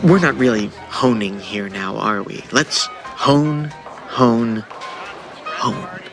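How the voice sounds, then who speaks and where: A man's voice: mid-range voice, animated, slow pace. An actor playing a dry, probing man who questions someone in a pointed, impatient way in a television drama. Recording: music clearly behind the voice.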